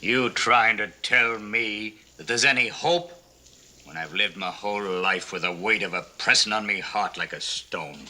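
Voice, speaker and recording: An actor playing a weary, skeptical frontier father who speaks slowly and heavily in a 1960s TV western. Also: fairly low pitch, sharp tone, slight background noise. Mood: doubtful.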